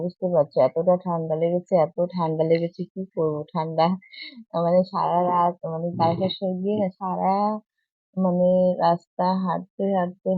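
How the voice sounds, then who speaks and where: A woman, hoarse from a cold, chatting in a rambling, repetitive way to her viewers in a casual morning vlog. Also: on the low side, no echo. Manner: rambling, repetitive, keeps asking viewers if they follow. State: hoarse from a cold and sore throat. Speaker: vlogger. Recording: tinny phone-like audio.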